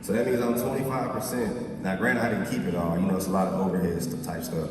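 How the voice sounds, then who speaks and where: A deep, steady-toned man in his twenties talks fast as a guest speaker giving a motivational talk to a live audience. Boastful and slangy, he keeps asking "you feel me?". The hall echoes, the mic sits far off, and crowd noise comes through.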